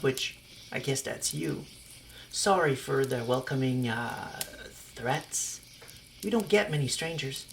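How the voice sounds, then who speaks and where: A woman's voice: low voice, gravelly, a little hiss or hum, exaggerated voice. A woman voicing Stephanie, a blunt and chatty teenage girl among werewolf kin, with a brash, outspoken manner. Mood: friendly.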